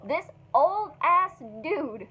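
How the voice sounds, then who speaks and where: A young woman telling a storytime vlog in a casual, animated way, heavy on fillers and swearing. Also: very high-pitched, very slow, dull audio. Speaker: vlogger.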